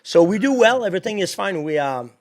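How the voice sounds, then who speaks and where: A man with a French accent, a native French speaker, talking as a podcast guest in an animated way, laughing often and searching for English words. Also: high voice, fairly quick. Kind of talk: casual interview.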